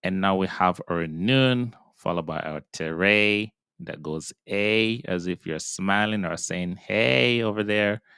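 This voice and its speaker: Slow, very deep-voiced male Hebrew tutor. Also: a bit bright, smooth, no echo, studio quality. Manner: patient, spells out sounds and repeats syllables slowly. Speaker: Hebrew reading teacher. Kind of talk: slow step-by-step pronunciation lesson.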